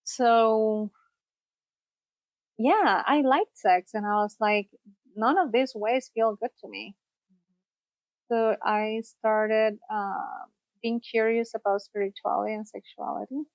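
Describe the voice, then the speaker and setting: Higher female voice from Costa Rica, therapist guest, dry muffled podcast sound. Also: steady tone, takes it slowly, long pauses, no echo. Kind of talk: podcast interview. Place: studio, in person.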